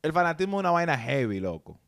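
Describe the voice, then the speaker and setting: A man's voice: a little high, very animated, quick pace, a bit bright. A man with a Dominican accent chatting casually in a sports debate, slangy and dropping English words into his Spanish.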